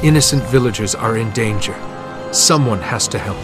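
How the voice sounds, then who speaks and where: A man's voice: lowish voice, a little slow, natural voice. An actor playing a young male noble hero in a video game cutscene, speaking solemnly over an orchestral score. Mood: resolute. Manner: earnest, solemn. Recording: music score under the voice.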